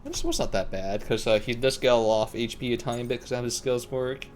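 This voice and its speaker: With game music in the background, a young man streams a game and comments casually, talking to himself in a rambling, slangy way. He has a mid-range, steady voice and speaks a little fast.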